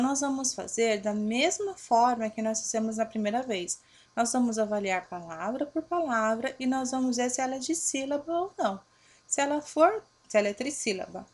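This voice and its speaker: A woman teacher, giving a recorded lesson to her pupils, patiently asking and answering her own questions and spelling out letters slowly. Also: a little high. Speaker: primary school teacher. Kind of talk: recorded remote grammar lesson.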